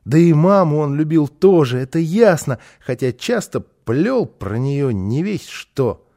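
A man's voice: a little high, unhurried. Man reading a children's story aloud. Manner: lively, expressive storytelling. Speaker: narrator.

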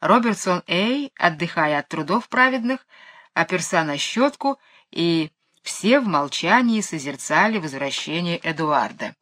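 A woman's voice: lowish voice, a little slow. Woman reading a children's story aloud. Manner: expressive, lively reading. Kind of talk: storybook narration.

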